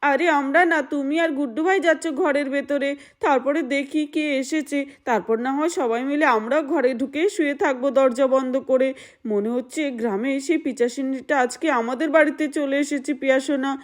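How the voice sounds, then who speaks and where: A woman's voice: high-pitched, steady tone, moderate pace, natural voice. Woman voicing Radha, a fretful young mother. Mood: worried. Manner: fretful, soothing. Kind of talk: doll-play storytelling.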